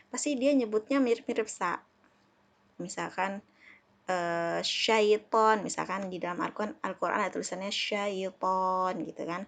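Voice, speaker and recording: A woman from Indonesia teaching an Arabic lesson, patiently repeating herself and slowly sounding out each example. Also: mid-range voice, creaky. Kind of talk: classroom lesson explaining letters.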